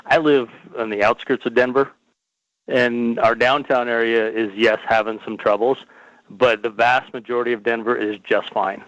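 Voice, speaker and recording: A man calling in to a talk show over the phone, giving calm, matter-of-fact advice. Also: medium pitch, no echo. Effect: heard over the phone. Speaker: caller. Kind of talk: call-in chat. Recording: muffled phone line.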